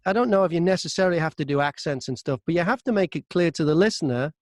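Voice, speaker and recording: A middle-aged British man, a voice-over artist and former radio presenter, chats casually in an interview with a presenter's ease, telling self-deprecating anecdotes. His fairly high voice is expressive and racing, in a dry recording with very little room sound.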